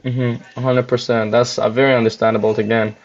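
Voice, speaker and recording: A man's voice: medium pitch, flat delivery, fairly quick. A young man chatting casually on a livestream as a guest store owner, rambling with lots of filler words while chewing gum. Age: young adult. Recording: muffled lo-fi audio.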